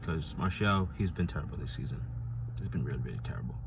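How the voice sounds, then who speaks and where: Low voiced guy rambling about his lineup, keeps repeating himself, faint hum behind. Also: expressive, quick pace. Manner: rambling, frequent restarts and fillers; insistent, repeats points for emphasis. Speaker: football fan channel host. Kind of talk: casual fan prediction vlog.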